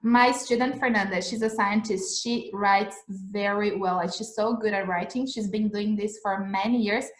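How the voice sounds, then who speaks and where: A young Brazilian woman, a native Portuguese speaker, gives a relaxed English lesson over a phone livestream, chatting along with "right?" and "like." Her middle-pitched voice moves at a moderate pace with hardly any pauses, and a roomy echo surrounds it.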